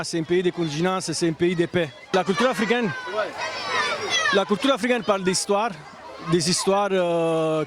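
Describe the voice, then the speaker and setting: A man gives a street interview at an outdoor festival, often hesitating and searching for his words. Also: sits high. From Italy. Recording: crowd and noise outdoors.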